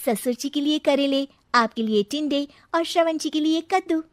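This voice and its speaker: Woman acting a high-pitched, exasperated young bride. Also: moderate pace, dry recording, clean studio sound, lightly acted. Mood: mock-innocent, sharp. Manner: indignant questioning, exclamatory. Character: sharp-witted, exasperated young bride confronting boastful in-laws. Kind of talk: comic Hindi audio story dialogue.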